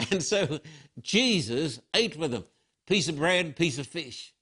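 An older man preaching a sermon as pastor, telling the story with animated storytelling and acted-out quotes. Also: on the high side, slow, breathy edge.

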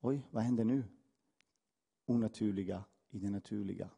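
A male preacher delivers an impassioned sermon in a dark, mellow voice. He pushes hard on his calls to the congregation, then drops low for quiet asides. His carries a slight edge. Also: gravelly, breathy edge. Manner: impassioned, swings from loud exhortation to hushed asides.

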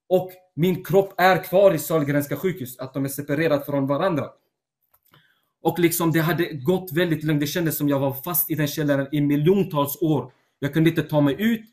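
A young man with a fairly high voice tells a personal story in an earnest, unscripted way. He talks with frequent fillers and restarts. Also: darkish tone. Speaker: guest telling his testimony.

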